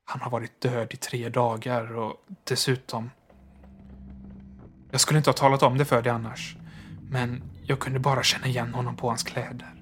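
A weary old father speaks low and gently, his voice hesitant and trembling, as a male reader does him. The tone stays quiet and restrained in a storybook reading. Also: level tone, close to an everyday voice. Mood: shaken. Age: older.

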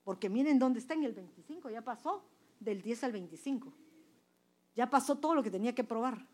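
Woman, preacher, sermon, emphatic, questions the audience, loud-soft swings. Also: fairly high pitch, expressive, fairly quick. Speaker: preacher at a women's church meeting.

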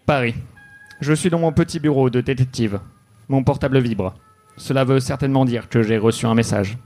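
A man telling a deadpan, mock-noir detective story live on a comedy club stage. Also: mid-range voice. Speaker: comedy podcast host.

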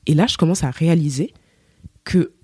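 A young woman from Cameroon, a singer, chatting as a podcast guest and telling her story with lively acted-out quotes and many fillers. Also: deep voice, normal speed, breathy edge, dry recording, clean studio sound. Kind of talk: casual interview chat.

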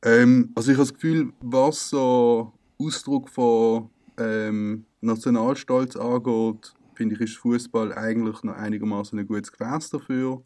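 Young Swiss German guy, relaxed dark tone, animated slangy banter. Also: medium pitch, measured pace, hardly any pauses. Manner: animated, slangy storytelling with laughs. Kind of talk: casual chat.

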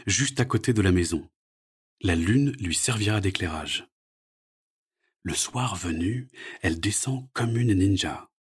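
Man reading a kids story, breathy husky voice, lowish and super lively up and down. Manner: expressive, soft storytelling. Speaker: narrator. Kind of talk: storybook read-aloud.

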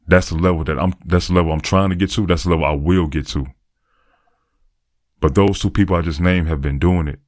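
A man's voice: deep voice, fairly even intonation, fairly quick, darkish tone, no echo, studio quality. A man talking through a reflective, earnest podcast monologue, repeating phrases for emphasis. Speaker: podcaster and aspiring motivational speaker.

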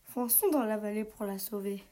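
A woman's voice: medium pitch, moderate pace, dark tone, natural voice. A woman voicing a brave, cheerful little mountain girl in a storybook reading, explaining things in an encouraging way.

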